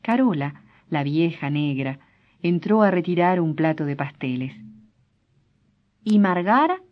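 A woman narrating a story in a steady, measured reading voice. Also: low-pitched. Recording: dull lo-fi recording.

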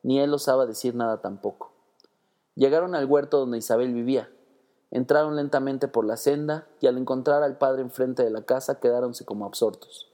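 Mellow-voiced man reading a story. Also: mid-range voice, moderate pace. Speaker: narrator.

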